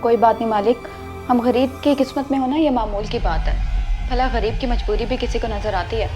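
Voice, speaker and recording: A woman's voice: a little high, moderate pace, pitched below the performer's own voice, lightly acted. An actress playing a poor young mother who works as a maid, speaking in an earnest, pleading way. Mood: humble. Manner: earnest, pleading, then tearful complaints. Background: soft background music.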